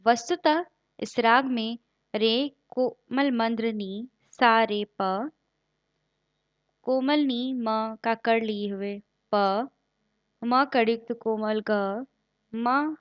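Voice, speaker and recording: A woman giving a formal lesson on a classical raga, explaining in measured terms and reciting note names in a steady, deliberate way. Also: fairly high pitch, no room sound. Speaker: music teacher. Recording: dull, dry lo-fi recording.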